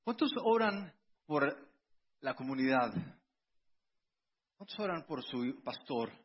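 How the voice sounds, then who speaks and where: A man's voice: medium pitch, sing-song, slow pace, breathy edge. A middle-aged man, preaching a conversational sermon with personal stories and frequent restarts. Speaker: pastor. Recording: dull lo-fi sound.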